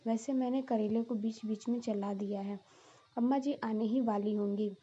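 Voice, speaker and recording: A woman's voice: a little high, fairly even intonation, normal speed, dark tone, muffled recording, slight background noise, close to an everyday voice. A woman voicing a silly, literal-minded young daughter-in-law in a cartoon story, naive and earnest.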